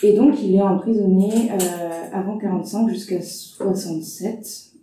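A woman's voice: medium pitch, fairly even intonation, normal speed, warm tone, heavy reverb, far from the mic, slight background noise, low-quality recording. A woman reviewing films in a casual panel discussion, hesitant with many fillers. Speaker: film critic panelist.

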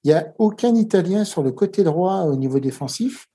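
Husky, hesitant male football pundit. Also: sits high, lively intonation, brisk, mellow. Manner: hesitant, many filler sounds. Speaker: football co-commentator. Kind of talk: casual match commentary.

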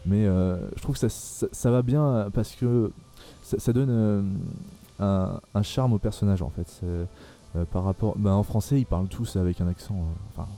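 Hesitant low-voiced man with dark tone. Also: moderate pace. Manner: hesitant, many fillers and restarts. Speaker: podcast host. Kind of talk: casual film discussion.

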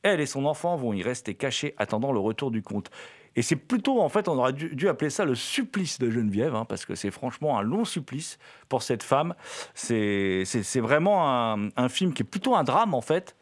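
Guy chatting about old movies, lots of euh and restarts, excited about what he likes. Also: medium pitch, normal speed. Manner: hesitant, many fillers and repeated words; enthusiastic. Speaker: film reviewer host. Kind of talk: casual spoken film review.

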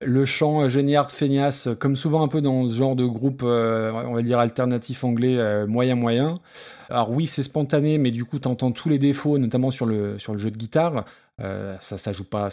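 A man's voice: mid-range voice, a little mellow. A man co-hosting a podcast, casually reviewing a song cover, rambling and hesitant with blunt slangy judgments. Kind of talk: casual chat.

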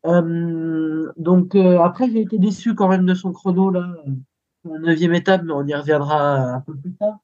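A male pundit giving halting cycling analysis over a remote connection. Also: a little high, darkish tone. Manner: halting, searching for words. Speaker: co-host pundit. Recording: dull remote line.

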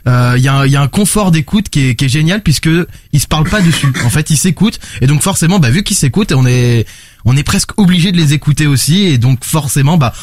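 A man's voice: on the high side, animated, quick pace, no room sound. A man presenting and reviewing podcasts in a chatty, enthusiastic way, with many fillers and restarts.

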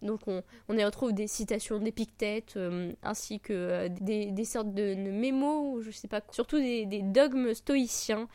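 A woman hosting an informal book podcast, sick, with a slightly broken, gravelly voice and a hesitant, self-deprecating way of talking. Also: medium pitch, unhurried, few pauses, dark tone, no echo. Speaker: podcast host. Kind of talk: informal book review podcast, unscripted talk.

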